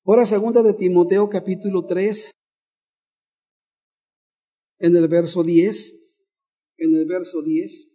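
A man's voice: sits high, fairly even intonation, slow pace, pauses often, dark tone. A male pastor preaching a Bible-teaching sermon, repeating key words and asking the congregation questions.

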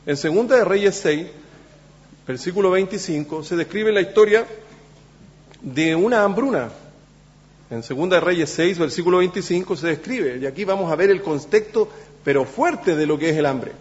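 A man preaching a sermon in a church, halting with many fillers and restarts, then pressing points with emphasis. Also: high voice, lively intonation. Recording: echoey church hall, dull sound.

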